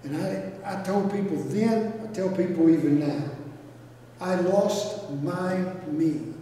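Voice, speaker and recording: An older man gives a graveside eulogy as a pastor, speaking in a folksy, plain-spoken way with long pauses. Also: high-pitched, warm tone. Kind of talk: graveside funeral eulogy and sermon. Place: outdoor graveside service, recorded from a distance. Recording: echoey, noisy, captured from far off.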